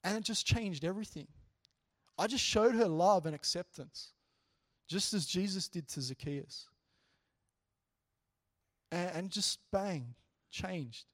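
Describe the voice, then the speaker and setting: A man delivering a casual, story-driven sermon, voice sitting a little high for a man. He talks earnestly and with animation, often dropping in "you know" as he goes. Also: slow, pauses often. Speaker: preacher sharing a testimony.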